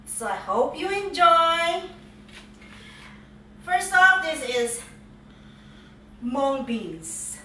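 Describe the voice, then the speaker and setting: This home cook vlogger, a middle-aged woman, playfully jokes her way through a casual recipe demonstration, cheerily calling out "ta-da." Her high voice has a sharp tone with a slight hiss or hum, captured by a distant camera in a roomy kitchen with echo and faint clatter.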